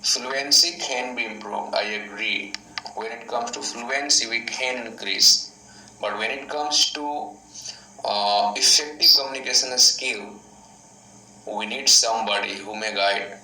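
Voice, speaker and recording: A man's voice: mid-range voice, unhurried, pushed and bright. A man, an online English teacher chatting with strangers, hesitating often with fillers. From India, Delhi. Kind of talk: casual video chat with strangers. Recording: echoey room, voice from far off.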